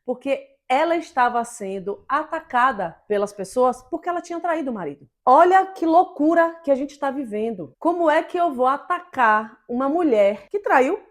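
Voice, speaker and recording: A woman co-hosts an opinion talk show with a fairly high voice. She argues emphatically and with indignation, stacking up rhetorical questions to drive her points home. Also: expressive, moderate pace, hardly any pauses. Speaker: podcast co-host.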